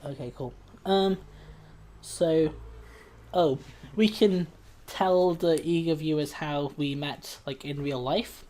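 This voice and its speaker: A man with a slightly high voice co-hosting a casual podcast. He chats loosely, stumbling through ums and restarts before landing on a joke. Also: takes it slowly, a little mellow. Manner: hesitant, full of ums and restarts. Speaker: podcast co-host.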